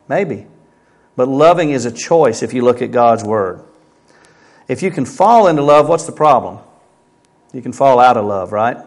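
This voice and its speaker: A man preaching a sermon as pastor at a pulpit microphone, talking conversationally and asking his listeners rhetorical questions. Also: medium pitch.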